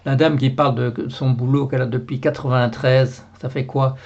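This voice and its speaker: A Belgian man with a Belgian French accent speaks in a gravelly, mid-pitched voice. He rambles indignantly in a casual video monologue, with plenty of fillers and repeated phrases. The sound is a bit dull and lo-fi. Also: flat delivery, moderate pace, a little mellow. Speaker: blogger.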